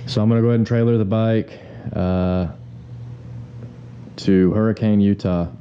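A young man talking casually about his motorcycle, filling pauses with ums, recorded on an action camera. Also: on the low side, lo-fi sound. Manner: relaxed, with frequent ums. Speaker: motorcycle vlogger. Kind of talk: casual vlog narration. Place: garage, then inside a truck on the road. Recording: camera mic with road and engine noise.

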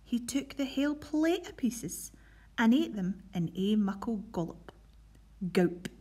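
A woman's voice: a little high, big pitch swings, unhurried, mellow. A woman with a Scottish accent leading a primary school assembly and reading a storybook aloud in an encouraging way.

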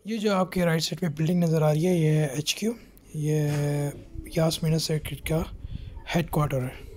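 Here the same thirty-something vlogger, voice on the high side and pace moderate, chats casually and mixes in English words. He's recorded in a car and out cycling on a track, with constant vehicle and outdoor background noise.

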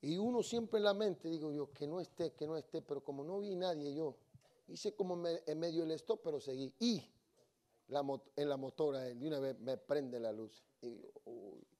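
A man preaching a lively sermon in a church, telling funny stories and moving between quiet asides and loud calls to the congregation. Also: fairly high pitch, normal speed. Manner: storytelling, swings between soft asides and loud exhortation. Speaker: guest preacher. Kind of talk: lively Spanish-language sermon with humorous anecdotes. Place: church sanctuary.

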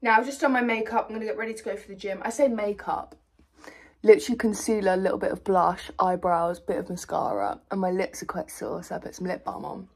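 A woman's voice: medium pitch, fairly even intonation, fast talker. A young woman in her twenties with a British accent, chatting casually through her day as a vlogger and personal trainer, rambling and self-deprecating, recorded on a phone propped up at home and at the gym. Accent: British English. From United Kingdom. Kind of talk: casual day-in-the-life vlog. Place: home rooms, then a gym. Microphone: phone camera propped nearby.

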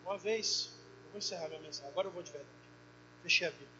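A high-pitched male pastor preaches fervently in a church, his words swelling into loud, heartfelt prayer. The recording sounds dull and muffled, with a clear electrical hum underneath. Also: rapid-fire. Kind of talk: sermon.

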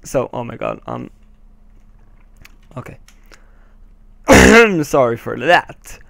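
Over a headset, a teen gaming host from Israel, a native Hebrew speaker with an Israeli accent, talks casually through his play with hesitant ums, nervous laughs, and curses when things go wrong. His medium-pitched voice is sing-song and very slow, with vocal fry and a fairly bright tone, recorded dry.

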